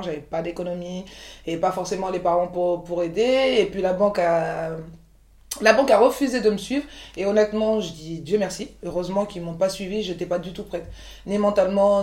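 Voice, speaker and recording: A woman's voice: medium pitch, mellow. Candid 40s woman from ivory coast rambling about her life, roomy echo. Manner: frank, rambling, many restarts and fillers. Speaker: guest, chef and entrepreneur. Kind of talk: candid conversational interview.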